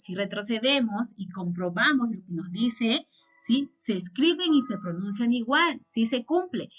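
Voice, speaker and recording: A woman's voice: fairly high pitch, fairly bright tone. A woman teacher with a Peruvian accent, giving a patient classroom lesson and often checking in with short questions. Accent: Peruvian Spanish. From Peru. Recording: dull lo-fi sound.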